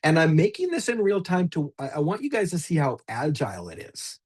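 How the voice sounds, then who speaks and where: A man's voice: fairly high pitch, wildly swooping pitch, a little fast, darkish tone. A man leading a live online teacher training, demonstrating a tool in an upbeat, chatty way and addressing attendees by name over a video call. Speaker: workshop presenter.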